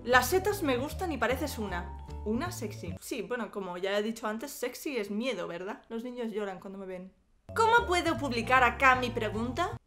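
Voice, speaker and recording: A woman's voice: fairly high pitch, animated, normal speed, music in the background. A young woman from Spain with a Spanish accent, joking and swearing casually as she answers viewer questions in a vlog. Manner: joking, swears often, jumps between silly voices. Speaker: YouTuber.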